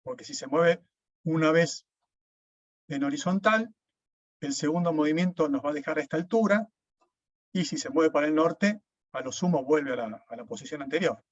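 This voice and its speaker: Guy teaching a class online, slightly high voice, dry dull mic. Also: normal speed, pauses often, dry recording. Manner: explains step by step, with frequent "¿sí?" checks. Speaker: lecturer. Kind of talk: recorded online class lecture.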